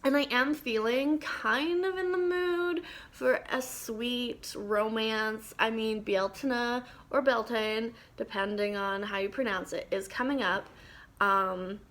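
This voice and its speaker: A woman's voice: on the high side, a little slow, fairly bright tone. Chatty young woman gushing about books. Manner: chatty, enthusiastic, frequent ums and laughs. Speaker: book vlogger. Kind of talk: casual book recommendation vlog.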